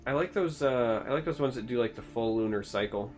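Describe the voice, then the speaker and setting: A man's voice: mid-range voice, fairly quick, soft background music. Wry, self-deprecating American man. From Michigan, United States. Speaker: co-host. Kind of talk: casual chat.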